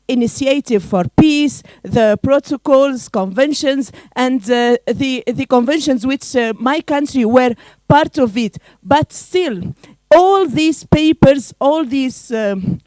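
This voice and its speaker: Woman from Tunisia, youth delegate, high pitch, dry sound, halting delivery. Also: darkish tone, no room sound. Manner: hesitant, many fillers and stumbles. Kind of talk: panel contribution.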